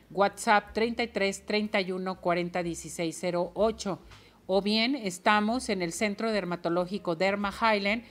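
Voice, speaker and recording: A woman hosting a show, delivering live promotional reads and introducing segments. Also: medium pitch. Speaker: show host.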